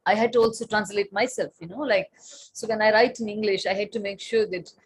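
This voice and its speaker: A Tamil-speaking woman in her late thirties, a writer and translator, answers a question on a panel. Her mid-range voice has a breathy edge, and she is thoughtful, with plenty of fillers and restarts. The recording is rough.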